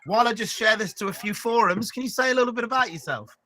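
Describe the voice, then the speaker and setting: A man's voice: high-pitched, quick pace, sharp tone. A man hosting a casual interview, asking rambling, self-deprecating questions. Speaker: host.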